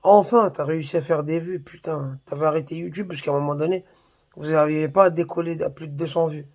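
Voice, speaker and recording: A man's voice: a little high, steady tone, fast talker, darkish tone. A man on his own channel in a heated, mocking rant full of slang and swearing. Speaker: YouTuber. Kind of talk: heated insulting rant to camera.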